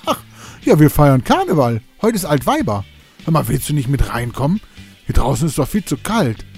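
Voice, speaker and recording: A man voicing a cheerful, excitable grown man at a carnival party who talks loudly and jovially. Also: a little high, normal speed, soft background music. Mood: friendly. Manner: jolly, loud, exclamatory.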